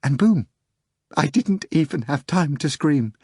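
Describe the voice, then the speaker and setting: A man plays a weeping, hysterical young secretary in an audiobook using a full female character voice that is very animated, slow, darkish and breathy-edged. Her agitated wailing is shrill, frantic and breathless, slightly nasal from tears. The clean studio sound has no room ambience.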